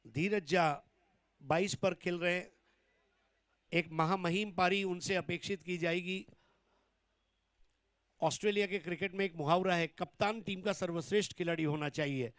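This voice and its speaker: High, clear-voiced man, excited cricket commentary. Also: no room sound. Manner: excited, drawn-out calls on big shots.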